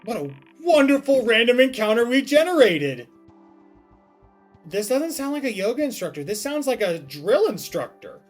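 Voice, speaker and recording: High-pitched, animated male game streamer. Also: normal speed. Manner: sweary, exclamatory. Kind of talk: live game commentary. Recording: faint game music behind.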